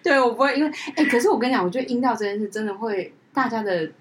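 A woman's voice: fairly high pitch, expressive, very fast, poor audio. A woman co-hosting a podcast who chats casually and rambles through anecdotes. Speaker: podcast co-host. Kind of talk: casual chat.

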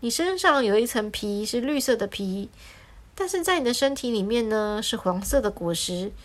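A woman's voice: fairly high pitch, lively intonation, normal speed, close to an everyday voice. A woman voicing a small, chatty, frank sparrow in a children's story, talking in a blunt, matter-of-fact way.

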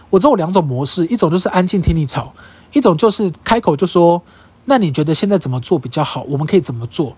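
A young adult solo podcaster with a Taiwanese Mandarin accent, chatting with big swings of pitch and an emphatic, expressive delivery. The voice has a husky edge and sits close and dry, with no room sound around it. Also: no room sound. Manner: emphatic, expressive, casually profane. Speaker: podcast host. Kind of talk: casual solo podcast monologue.

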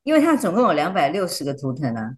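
A woman teacher, a podcast guest, chatting casually and telling animated stories. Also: low voice, fast. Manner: animated storyteller, acts out quotes.

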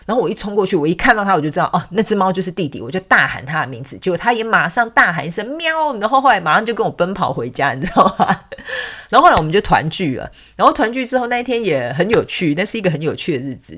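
Low-voiced woman telling a story. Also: slightly rough. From Taiwan. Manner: chatty, many fillers, laughs often. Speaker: podcast host. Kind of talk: casual storytelling monologue.

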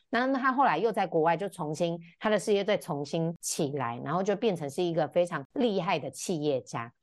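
A woman, a podcast guest telling a personal story in casual chat and acting out the lines of the people in it. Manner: animated, acts out quoted dialogue in varied pitch. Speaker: podcast guest, brand founder.

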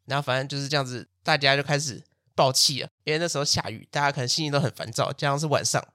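A man's voice: medium pitch, very fast, no room sound, clean studio sound. A young man, casually telling a story as a podcast host and acting out the quotes. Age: young adult. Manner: animated, acts out quotes, laughs and swears.

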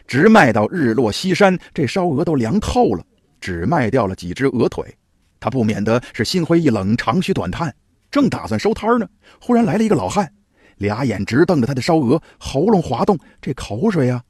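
Animated, husky male storyteller. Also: medium pitch, fairly quick, dry recording, clean studio sound. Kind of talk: folk tale storytelling.

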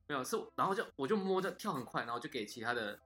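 Fast bright man telling stories. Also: medium pitch. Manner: animated storyteller, giggly, asks quick questions. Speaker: podcast co-host. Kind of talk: casual chat.

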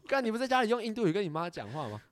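Male co-host, teasing interviewer, fast and animated, dry close sound. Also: high voice, dry recording. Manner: teasing, quick questions, frequent backchannel. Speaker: podcast co-host. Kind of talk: casual chat, interviewing.

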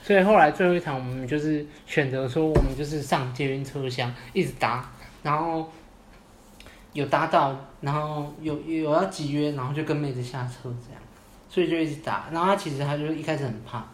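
A man's voice: fairly high pitch, a little hiss or hum. A man with a Taiwanese Mandarin accent, co-hosting a podcast and agreeing readily in a casual chat. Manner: quick, agreeable, lots of "yeah yeah". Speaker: podcast co-host, dating coach.

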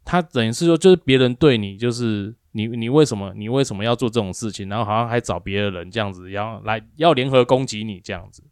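Animated man telling a work story. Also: on the low side, fast, few pauses, smooth, no echo, clean studio sound. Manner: animated, acts out both sides of an argument with rising emphasis. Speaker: co-host of a speaking-skills livestream. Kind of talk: casual storytelling chat.

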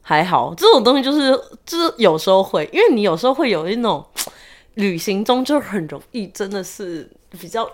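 A woman's voice: medium pitch, very animated, fairly quick. A woman co-hosting a podcast in casual chat, telling her own stories expressively with laughter and English words mixed in. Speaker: podcast co-host.

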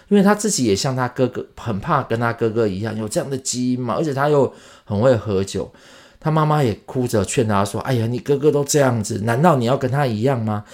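A man, talking as host of a Bible show. He tells the story conversationally and lively, often turning to the listener with questions. It sounds like a friendly talk more than a stiff sermon. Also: lowish voice.

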